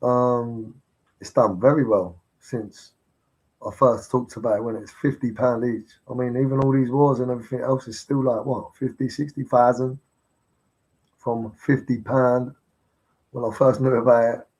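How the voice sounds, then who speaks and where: A man's voice: medium pitch, steady tone, normal speed, darkish tone, breathy edge, rough recording. Swearing, pushy man on a livestream. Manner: blunt, heavy swearing, pushy and insistent. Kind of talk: casual live-stream rant.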